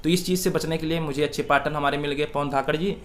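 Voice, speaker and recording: A man's voice: on the high side, fairly even intonation, fast talker. A young man answering interview questions earnestly, giving advice and calling the interviewer sir. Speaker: exam aspirant being interviewed.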